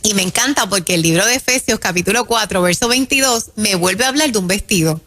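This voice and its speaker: A woman preaching in an emphatic sermon style on a radio show, calling her listeners her children and slowing down to stress key phrases. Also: mid-range voice. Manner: warm, emphatic, addresses listeners as "mis hijos".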